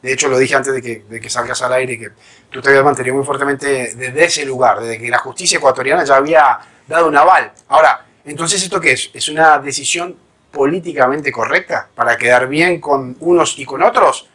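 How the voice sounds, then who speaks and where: A man's voice: medium pitch, brisk, sharp tone. A man moderating a football debate, politely cutting in to put challenging questions.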